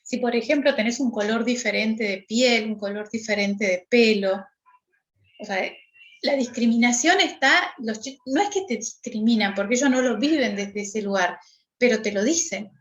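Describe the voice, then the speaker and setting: A middle-aged woman with a Rioplatense Spanish accent leads an online class, her voice a little high. She explains step by step and keeps checking that her listeners follow. The room sounds echoey around her. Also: moderate pace. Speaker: workshop teacher.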